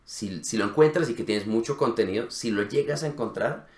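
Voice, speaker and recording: A man's voice: mid-range voice, brisk, roomy sound. A man co-hosting a casual Spanish lesson, explaining accents and demonstrating sounds. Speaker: Spanish teacher co-host.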